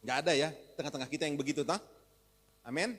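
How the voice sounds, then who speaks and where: A man pastor with a Javanese accent preaching a sermon in a lively, teasing way, mixing in Javanese and English words and rising to shouts for emphasis. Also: fairly high pitch, quick pace, slightly rough. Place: church hall. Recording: echoey church hall.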